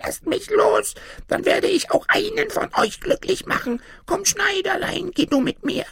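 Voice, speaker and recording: A squeaky, whispering tiny manikin. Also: male voice, a little slow, creaky, a bit bright, full character voice. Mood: pleading. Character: tiny spiteful male magic manikin.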